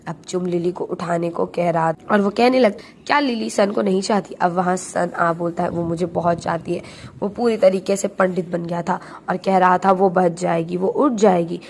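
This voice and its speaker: A woman retelling a drama plot in a quick, chatty storytelling way, reading the characters' quoted lines in her own voice. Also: lowish voice, steady tone, darkish tone, slight background noise. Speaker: drama recap narrator.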